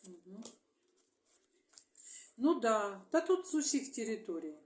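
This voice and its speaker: A Ukrainian woman, a tarot reader, talking alone to her viewers in a halting way, thinking aloud and murmuring small agreements to herself. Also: fairly high pitch, sing-song. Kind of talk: solo video monologue. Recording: echoey room.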